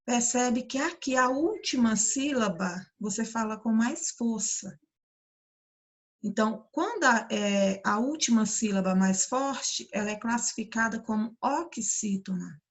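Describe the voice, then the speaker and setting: A woman teacher with a Brazilian Portuguese accent explaining a grammar lesson, drawing out example words slowly and often checking that the listeners follow. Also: a little high, husky. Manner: slow, stretched-out pronunciation of example words; frequent check-ins with listeners. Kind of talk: recorded classroom lesson explanation.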